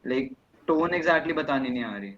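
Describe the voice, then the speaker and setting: A man's voice: mid-range voice, expressive, a little slow, fairly bright tone. A young man taking part in an online workshop over a video call, hesitantly searching for words in Hindi and English. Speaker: workshop participant. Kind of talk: casual Hindi-English chat. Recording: dull lo-fi call audio with hiss.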